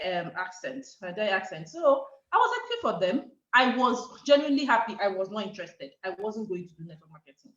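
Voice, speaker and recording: Animated Nigerian woman telling a story. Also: medium pitch. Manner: animated, acts out quoted dialogue. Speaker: guest speaker. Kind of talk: storytelling talk. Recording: echoey, dull online call audio.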